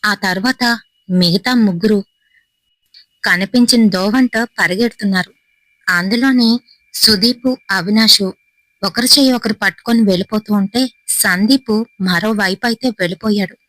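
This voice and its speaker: A woman narrating a horror story in a dramatic, unhurried storytelling manner. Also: mid-range voice, a bit bright, no echo, poor audio.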